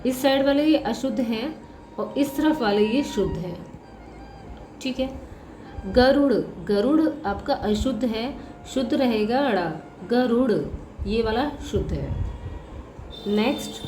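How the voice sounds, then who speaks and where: A woman's voice: on the high side, unhurried, long pauses, dark tone. Hindi-speaking woman teacher, echoey room. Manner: patient, explains with short repeated words. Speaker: college professor. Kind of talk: spelling lesson, word by word. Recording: echoey room with faint music.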